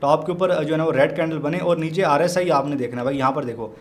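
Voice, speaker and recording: A Pakistani man with a slightly high voice talks fast, teaching his way through trading charts in a chart walkthrough tutorial. He's chatty, keeps calling the viewer "brother," and repeats his points to drive them home.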